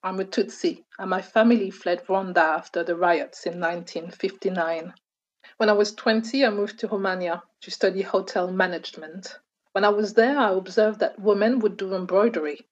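A woman reading an interview translation as a calm voice-over. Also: mid-range voice, moderate pace, muffled recording.

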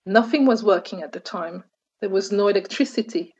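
A woman reading an interview translation as a calm voice-over. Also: medium pitch, a little fast, breathy edge, lo-fi sound.

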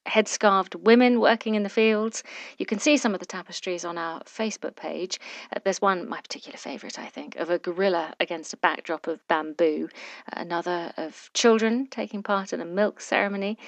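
A woman reporter giving measured, scripted documentary narration. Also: mid-range voice, gravelly, no echo. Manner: measured, deliberate storytelling.

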